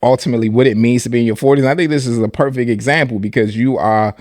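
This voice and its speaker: A man's voice: medium pitch, fairly even intonation, rapid-fire, darkish tone. A man hosting a podcast in casual chat, speaking thoughtfully and restarting his sentences as he works through an idea. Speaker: podcast host.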